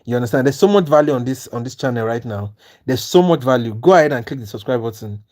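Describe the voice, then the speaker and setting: His voice is mid-range and darkish, expressive and fast, as the Nigerian-accented man from Nigeria addresses chat viewers on his trading livestream. He pleads his case earnestly and persuasively, dropping "you understand?" again and again.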